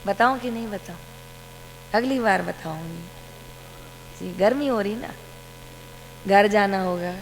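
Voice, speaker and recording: A woman's voice: medium pitch, measured pace, pauses often. A woman giving a devotional satsang talk, telling a story about her guru and quoting his words. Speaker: satsang speaker. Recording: long hall reverb with faint hum.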